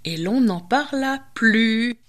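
A woman storyteller and radio host reading a children's tale aloud with lively, expressive pacing. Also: a little high, slow pace.

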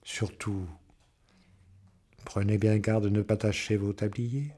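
A man voicing a sly, charming male fox who talks slowly and sweetly in a storybook reading. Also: mid-range voice, dark tone, lightly acted. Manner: slow, honeyed and falsely friendly.

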